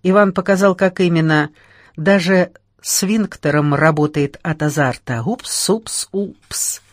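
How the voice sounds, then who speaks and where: A woman's voice: on the low side, slow pace, no room sound, studio quality. Tipsy rambling man played by a woman, mock-lecturing, declaiming, audiobook. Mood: ranting.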